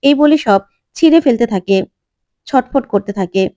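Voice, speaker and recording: A woman's voice: on the high side, expressive, normal speed, mellow, no echo, clean studio sound. A woman casually retelling a TV serial episode, linking each quote with "then she says". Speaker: storyteller recapping a TV serial.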